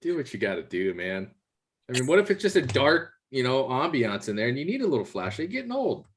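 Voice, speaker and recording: An easygoing man co-hosting a casual podcast. He talks quickly with a lively, swinging pitch. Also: a little hiss or hum. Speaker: podcast co-host.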